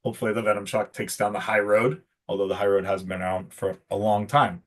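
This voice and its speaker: Male host, lower voice, easygoing live-stream banter, salesy and filler-heavy. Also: flat delivery, fast talker. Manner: chatty, salesy, many fillers. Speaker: pro shop host. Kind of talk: casual live stream chat.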